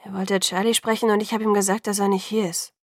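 A woman reading an audiobook, voicing a gruff, protective young man who answers curtly. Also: mid-range voice, flat delivery, quick pace, no room sound, studio quality, lightly acted. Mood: irritable.

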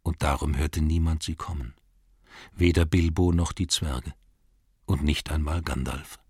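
A man narrating a storybook in a measured, dramatic reading, slowing down for emphasis. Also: extremely low pitch, fairly even intonation, darkish tone, breathy edge, no room sound, studio quality. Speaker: audiobook narrator.

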